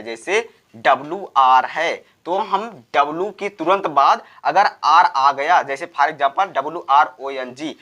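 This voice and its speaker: A man teaching English spelling rules, spelling words out letter by letter, repeating each point and asking quick check questions. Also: on the high side, pushed and bright. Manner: slow, repetitive, drills spellings letter by letter; asks the class rhetorical check questions. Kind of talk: classroom-style lesson.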